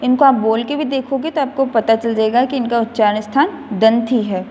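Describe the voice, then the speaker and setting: A woman teacher gives a slow, careful classroom explanation. She reads out textbook lines, then explains them simply, with frequent pauses and fillers. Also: a little high, steady tone, warm tone, long reverb tail, slight background noise. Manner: recites letters one by one in a slow, measured way. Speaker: school teacher.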